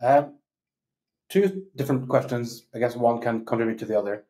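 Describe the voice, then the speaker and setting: A man from Iraq, a medical writer, answering viewer questions in a chatty, relaxed way on a live webinar over a video call. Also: mid-range voice, moderate pace, poor audio. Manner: chatty, relaxed, frequent fillers and asides.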